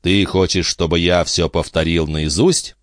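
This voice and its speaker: A man voicing a calm, placid old boatman who answers mildly and without hurry. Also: deep voice, dry recording, clean studio sound. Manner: calm, mild, unhurried replies.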